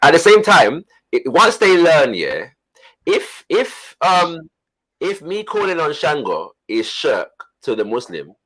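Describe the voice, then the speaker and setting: A man with a London roadman accent, debating casually in slang, halting and repeating himself. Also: a little high, huge pitch swings, fairly bright tone, dry recording, poor audio.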